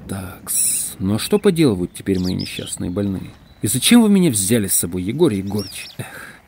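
A male reader voicing a weary male country doctor who sighs and speaks quietly. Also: lowish voice, very animated, quick pace, creaky, a little hiss or hum. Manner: quiet, sighing, resigned.

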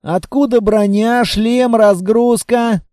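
A man voicing a gruff, hostile army sergeant who barks his questions in an audiobook reading. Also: high voice, steady tone, slow, mellow, dry recording, studio quality. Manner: growling, barking, interrogating.

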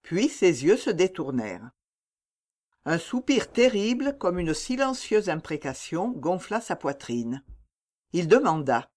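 Narrateur au ton dramatique mesuré. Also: male voice, high-pitched, very animated, a little mellow. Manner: measured, dramatic reading. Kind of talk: audiobook narration of a classic novel.

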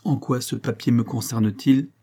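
A man's voice: mid-range voice, steady tone, normal speed, dark tone, close to an everyday voice. A man reading an audiobook, voicing a proud, hot-tempered young country squire in raised, urgent outbursts. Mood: defiant.

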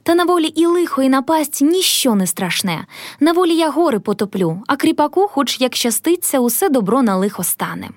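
A grim, stubborn young serf, as a woman reader puts him on, firm and gloomy in his words. The voice rises and falls in lively swings, recorded close and dry. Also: high voice, a little fast, no echo, voice pushed up. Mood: stern resolve. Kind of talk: audiobook character reading.

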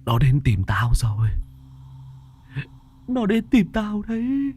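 A man's voice: high-pitched, wildly swooping pitch, takes it slowly, a little mellow, a little hiss or hum, pitched above the performer's own voice, full character voice. A male narrator voicing a terrified young man who mutters eerily in a storybook ghost tale. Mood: eerie dread. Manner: eerie repeated muttering. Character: crazed young man, possessed with terror.

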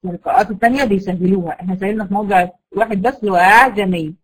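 An Egyptian-accented woman leads a recitation lesson, pitched at a middling height for a woman. She breaks each point down patiently, voicing short syllables over and over for her class to copy. She keeps her students engaged by asking questions and answering them herself. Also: rapid-fire, low-quality recording. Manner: models sounds by repeating syllables, asks rhetorical questions. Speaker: Quran recitation teacher. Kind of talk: explanatory lesson.

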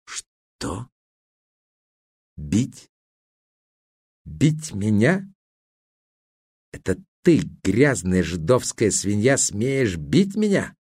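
A man's voice: fairly low pitch, very animated, very slow, pauses often, a little mellow, breathy edge, no room sound, studio quality, exaggerated voice. A man reading the part of an agitated, selfish young male student who presses and pleads insistently. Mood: contemptuous.

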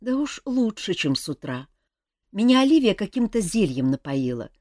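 A woman's voice: medium pitch, sing-song, normal speed, darkish tone, no room sound, studio quality, pitched above the performer's own voice. A woman voicing a glum, hungover young male elf prince who sighs and complains plaintively. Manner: plaintive, sighing.

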